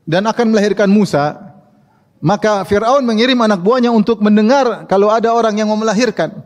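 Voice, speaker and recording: Lively male preacher in echoey hall. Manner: lively, swings pitch up for quoted speech, laughs along. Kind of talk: Islamic sermon with storytelling.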